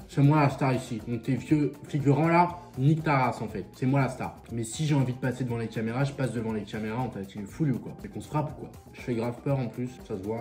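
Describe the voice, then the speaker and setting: A man's voice: mid-range voice, dark tone. A young man with a French accent chatting casually and sassily while eating, swearing freely and talking with his mouth full. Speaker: vlogger reacting to viewer stories.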